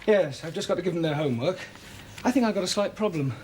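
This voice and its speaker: A patient young male English teacher with a dry, wry delivery. His voice sits fairly high, and a clear hiss runs under it, as on an old TV recording. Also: animated, fast talker, darkish tone.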